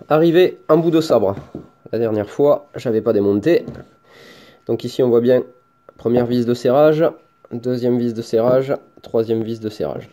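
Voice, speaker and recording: Mellow-voiced man with a Toulouse accent. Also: mid-range voice. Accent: Toulouse French. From France. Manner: hesitant, many fillers and restarts. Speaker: hobbyist showing his lightsaber. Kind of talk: casual show-and-tell.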